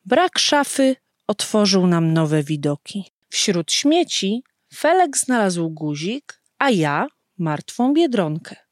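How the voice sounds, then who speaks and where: A woman reading a story aloud slowly and expressively, giving the characters' lines their own voices. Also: mid-range voice, sing-song, dry recording, clean studio sound. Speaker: narrator.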